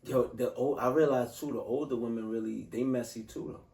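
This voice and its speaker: A man's voice: medium pitch, fairly even intonation, a little fast, far from the mic, crowd noise. Podcast guy talking loose and slangy, lots of restarts, roomy echo, sits back off the mic. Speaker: podcast host. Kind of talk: casual chat.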